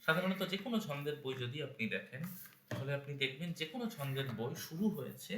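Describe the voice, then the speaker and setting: A man's voice: a little high, lively intonation, fast, a bit bright, roomy sound, slight background noise. A man giving a spoken lesson on verse meter, patiently breaking words into syllables one by one. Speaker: teacher of Bengali verse meter.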